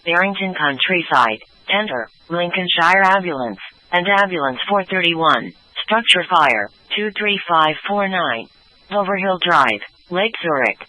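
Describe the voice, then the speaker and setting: A woman reads a fire dispatch call-out in short clipped items. Her voice is bright and forceful, carried by a dry two-way radio signal. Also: lowish voice, lively intonation, unhurried, no echo, rough recording. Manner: clipped list reading. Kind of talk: dispatch call-out of units and address.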